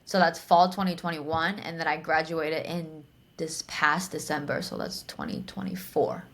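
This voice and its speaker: A woman's voice: low-pitched, fairly even intonation, moderate pace. A young woman in her twenties from Taiwan, answering interview questions in a chatty, casual way with many fillers. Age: 20s. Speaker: guest, DJ and producer.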